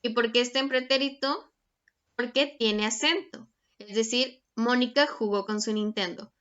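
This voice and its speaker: A woman's voice: on the high side, normal speed, fairly bright tone. A young woman teaching a grammar lesson, patient and checking in often with her students. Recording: dull lo-fi recording.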